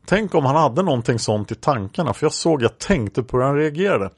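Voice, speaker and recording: A young woman witness recounting a café encounter, read out by a man. The reading is flat and unacted, in a gravelly low-creaking voice. The recording is dry and close. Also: no echo. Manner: flat reading of transcript lines, speaker labels read aloud.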